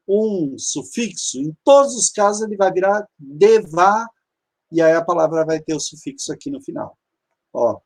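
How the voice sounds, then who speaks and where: A man teaching an online grammar lesson. He explains patiently, repeats key terms and walks step by step through examples on screen. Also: on the high side. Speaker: Hebrew teacher.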